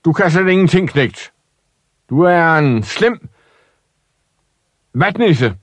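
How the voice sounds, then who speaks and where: A man voicing a loud, impatient father who shouts and rattles off his words fast. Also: a little high, no echo, pitched above the performer's own voice, close to an everyday voice. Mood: blustering.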